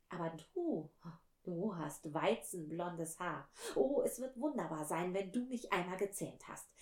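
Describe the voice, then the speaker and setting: A woman voicing a wise, gentle male fox who longs for a friend, reading slowly and wistfully in a storybook. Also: fairly low pitch. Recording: roomy echo.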